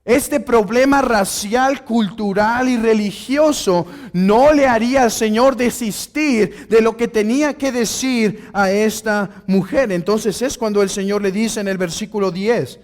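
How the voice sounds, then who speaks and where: A man's voice: high-pitched, a little slow, few pauses. A man preaching an expository sermon, calling the congregation brothers and acting out the dialogue of the passage. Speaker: pastor.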